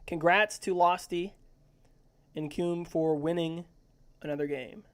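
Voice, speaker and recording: Esports caster, live play-by-play, excitable, frequent exclamations, middle pitch, headset mic. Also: unhurried.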